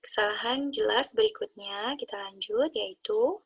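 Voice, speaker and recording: A woman calmly explaining Quran recitation rules to her students. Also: mid-range voice, moderate pace, husky. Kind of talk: explaining a lesson.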